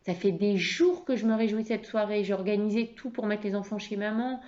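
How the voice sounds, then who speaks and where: A woman acts out a wife at the end of her patience who bursts out loudly and indignantly. Her voice has a gravelly grain, and the recording is a bit muffled and lo-fi. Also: fairly low pitch, animated, fast talker. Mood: upset. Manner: loud, heated, indignant outbursts. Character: furious wife whose evening plans fell through.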